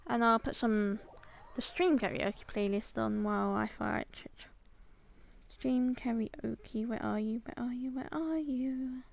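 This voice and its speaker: A woman livestreamer plays a video game and chats casually to herself, muttering short phrases as she thinks aloud. Her voice is a little high and slow, with vocal fry. The sound is lo-fi, with music playing behind her.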